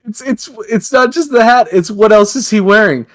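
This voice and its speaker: A man's voice: high-pitched, normal speed. A man co-hosting a podcast in casual chat, teasing and goofy, sometimes slipping into silly voices. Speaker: podcast co-host.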